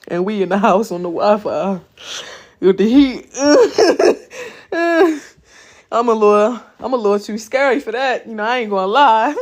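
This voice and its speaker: A woman with a Baltimore accent hosts a casual ask-me-anything vlog. She talks in a blunt, profane, streetwise way, laughs easily and keeps checking in with "okay?" as she goes. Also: mid-range voice. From Baltimore, West Side. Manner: chatty, loops back with "okay?" and "you know what I'm saying". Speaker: host answering viewer questions.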